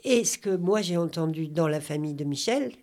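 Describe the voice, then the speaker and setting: Earnest low-pitched woman from Corrèze. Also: animated, a little fast, a little mellow. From Corrèze, France. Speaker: guest. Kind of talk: conversational radio talk.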